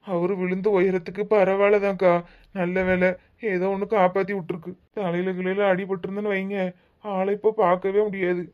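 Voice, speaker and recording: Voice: medium pitch, little pitch movement, brisk, natural voice. A performer voicing a worried young male coworker in a comedy cartoon, with a Tirunelveli Tamil accent and a subdued, matter-of-fact delivery. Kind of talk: cartoon voice acting. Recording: dull lo-fi sound.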